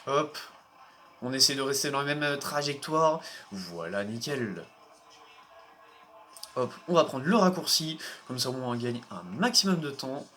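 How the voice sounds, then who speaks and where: A man's voice: medium pitch, big pitch swings, unhurried, pushed and bright, faint music behind. A man giving casual, hesitant commentary while playing a racing game, often restarting his sentences and chuckling. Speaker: gaming video host.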